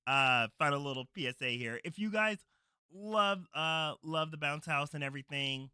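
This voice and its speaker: A man's voice: on the high side, normal speed, bright, forceful tone, clear, resonant tone, dry recording, clean studio sound. A man hosting a livestream with casual, upbeat, appreciative chat in an informal manner. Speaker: streamer, host.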